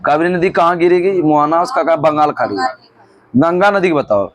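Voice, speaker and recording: A man, a teacher running a loud rapid question-and-answer drill in a classroom. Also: a little high. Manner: loud call-and-response quizzing, often shouting. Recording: loud classroom crowd chanting along. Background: students answering in chorus.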